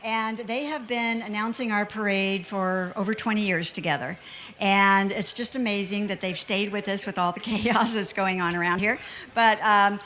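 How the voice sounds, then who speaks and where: A woman's voice: mid-range voice, pushed and bright, a little hiss or hum. An American woman making informal thank-you announcements as an event organizer. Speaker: festival organizer presenting thanks.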